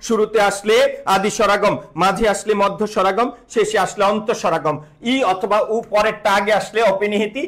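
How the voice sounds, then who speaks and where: Teaching grammar in a live online class, a man with a high, fairly bright voice goes over the rules again and again. He quizzes students call-and-response style and keeps slipping English words into his speech.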